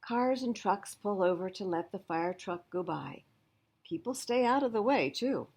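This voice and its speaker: Reading a picture book to young children, this library storyteller pauses now and then to explain things in simple terms. She has a mid-range, slightly rough voice with lively intonation.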